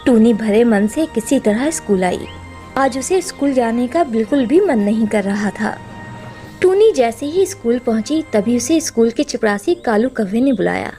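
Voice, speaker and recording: Brief: woman narrating a children's cartoon, lively, slightly high, faint music. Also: normal speed.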